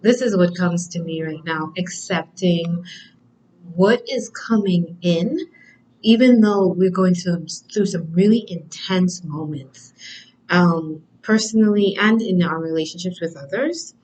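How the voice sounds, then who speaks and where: In a low-quality recording, a woman gives a spiritual oracle card reading at a measured pace, gentle and affirming. She says "um" often and laughs softly, and her voice sometimes drops low.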